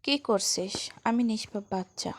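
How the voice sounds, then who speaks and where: A woman playing a cheeky young man in a storybook, loud and mocking, always joking. The voice is slightly high for the part and carries a gravelly fry. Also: normal speed, a little hiss or hum. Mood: mock coy. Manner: mocking, playful, teasing. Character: cheeky, teasing young man, brother-in-law.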